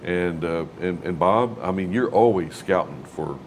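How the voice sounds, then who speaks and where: A man's voice: low-pitched, a little slow, a little hiss or hum. A man chatting casually as an interviewer, with a folksy, rambling way of asking questions. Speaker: interviewer, host.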